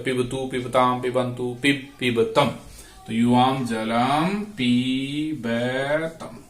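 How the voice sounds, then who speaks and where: Heard from afar in a reverberant room, this man's voice sits in the middle range with a touch of brightness. Slowly, as in a classroom, he explains Sanskrit grammar, stretching each word and saying verb forms again and again.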